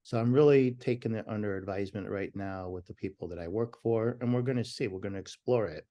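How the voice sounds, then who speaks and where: Over a remote call, a male podcast guest talks passionately and emphatically in a conversational interview, sometimes restarting his sentences. His voice is loud, fairly low-pitched and fast.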